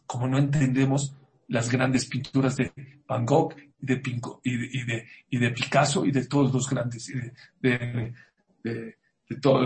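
Dramatic man telling a story. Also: mid-range voice. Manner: dramatic storyteller, swings from loud outbursts to near-whispers. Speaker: rabbi giving a talk. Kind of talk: storytelling sermon.

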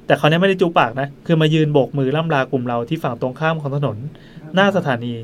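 A man hosting a podcast, telling a ghost story in a quick, chatty way into a studio mic. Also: fairly high pitch, a little hiss or hum. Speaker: podcast host.

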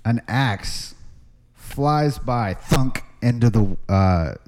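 A man narrating an improvised tabletop game as game master, setting scenes in a deliberate, pausing way. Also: medium pitch, expressive, darkish tone.

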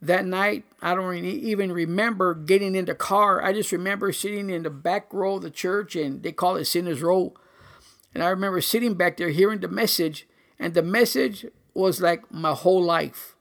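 Gravelly earnest man sharing testimony. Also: high-pitched, a bit bright. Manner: earnest, halting, with many pauses and fillers. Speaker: church member giving testimony. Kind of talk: personal testimony.

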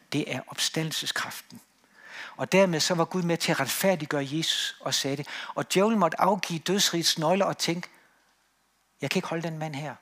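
Male preacher, slightly high voice, emphatic swells and quiet drops, church sermon. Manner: emphatic, rising on key words then dropping to quiet.

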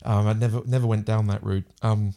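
Here a New Zealand man guests on a podcast in casual interview chat. His voice is lowish, gravelly and mellow, his delivery flat and slightly fast, and he thinks aloud carefully, often restarting and repeating words.

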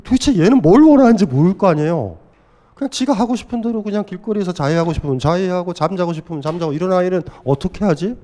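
A middle-aged man giving a lively, blunt philosophy lecture, often acting out scolding voices. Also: high voice, fast talker.

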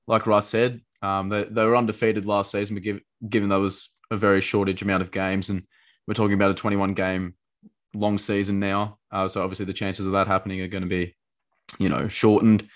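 A man's voice: on the low side, flat delivery, a little fast. A man co-hosting a casual football podcast, hesitant, with many fillers, asking long questions. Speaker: podcast co-host.

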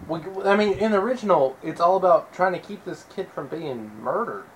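A man's voice: sits high, lively intonation, brisk, poor audio. A man co-hosting a podcast, talking in a blunt, sarcastic and profane way. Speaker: podcast co-host. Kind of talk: casual chat.

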